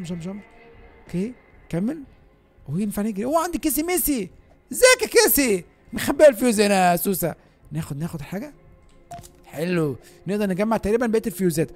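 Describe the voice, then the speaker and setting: A man with an Egyptian Arabic accent giving excitable, chatty gameplay commentary and talking straight to his viewers. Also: sits high. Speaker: gaming YouTuber.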